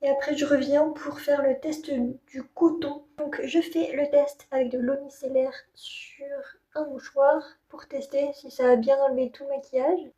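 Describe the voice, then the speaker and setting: A woman with a Parisian French accent speaks in a high, mellow voice. She talks like a beauty vlogger demonstrating a product, in a colloquial, candid way that stays informal. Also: little pitch movement, moderate pace, muffled recording. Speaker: beauty vlogger reviewing skincare. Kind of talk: casual product demo chat.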